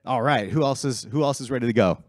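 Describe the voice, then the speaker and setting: A man's voice: mid-range voice, fast talker, no echo. A man hosting an open-mic event in a large council chamber, upbeat and joking with the crowd, speaking into a handheld mic. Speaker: event host.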